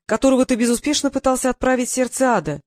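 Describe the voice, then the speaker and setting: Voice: sits high, expressive, rapid-fire, darkish tone, no echo, studio quality, pitched above the performer's own voice. Narrator doing a bluffing boy wizard. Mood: defiant. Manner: forced firmness, bluffing. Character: boastful young male apprentice wizard, bluffing.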